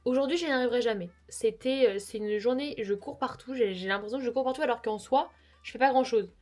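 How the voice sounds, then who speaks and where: A woman vlogger, sick with a cold, chats casually in a nasal voice, rambling and tossing in self-mocking asides. She talks fast in a fairly high, slightly mellow voice, recorded on a lapel mic into her phone.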